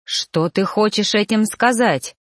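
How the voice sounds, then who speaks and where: A woman's voice: medium pitch, slow pace, a bit bright, dry recording, studio quality. A woman doing an insistent lovesick male reaper. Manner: growling, insistent.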